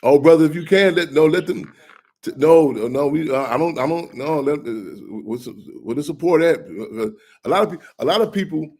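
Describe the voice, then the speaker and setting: A man speaking as an activist guest on a radio talk show, passionate and quick, often repeating and restarting his phrases. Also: fairly high pitch, darkish tone.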